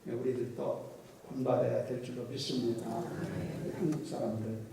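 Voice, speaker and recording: A man's voice: medium pitch, fairly even intonation, moderate pace, creaky, background noise. A middle-aged male pastor preaching a sermon, telling folksy stories with jokes and dialect impressions. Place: church sanctuary. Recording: distant mic in an echoey church hall.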